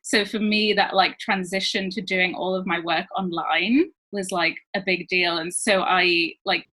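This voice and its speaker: Bright-voiced woman relationship coach. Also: fairly low pitch, fairly even intonation, measured pace. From France and Switzerland, British parents. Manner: chatty, many fillers like "like". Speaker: guest, love and relationship coach. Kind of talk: casual interview chat.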